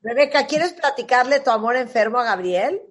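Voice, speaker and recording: A woman's voice: on the high side, expressive, moderate pace. Woman hosting a chat show. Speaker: host. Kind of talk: casual chat.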